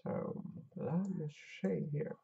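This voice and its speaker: A tired Albanian game-dev streamer drifts between muttering over his code while testing and chatting with his viewers in a casual coding stream. His gravelly, unhurried voice sits on the high side with fairly even intonation, and the stream audio is dull and lo-fi.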